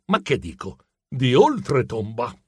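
Male audiobook narrator, very lively, comic delivery, dry close sound. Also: medium pitch, measured pace, breathy edge, dry recording. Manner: animated, comic and expressive.

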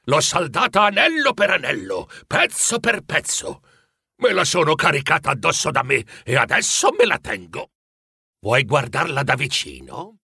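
A man's voice: very animated, moderate pace, vocal fry, pushed and bright, slightly rough, dry recording, clean studio sound, exaggerated voice. A man voicing the ghost of a dead old businessman, chained and remorseful, speaking in a mournful, pleading way for a storybook reading. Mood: grim, teasing. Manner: mournful, pleading, rising in pitch.

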